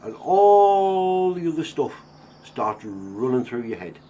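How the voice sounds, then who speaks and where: A man's voice: a little high, big pitch swings, slow pace, mellow, highs cut off. A man in his fifties speaking earnestly to camera from his workshop, plain-spoken and reflective. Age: 50s. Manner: earnest, plain-spoken, acts out everyday dialogue. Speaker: woodworker. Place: home workshop.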